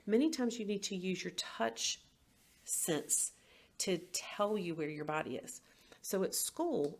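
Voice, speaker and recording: Low gravelly woman giving a talk. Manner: explanatory, acts out tones of voice. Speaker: former teacher presenting for a biofeedback clinic. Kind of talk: educational presentation.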